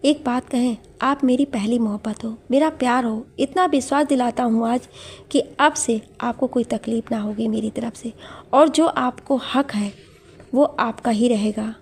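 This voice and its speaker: Roshan, a gentle young husband, read by a woman. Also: a little high, measured pace, breathy edge. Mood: pleading.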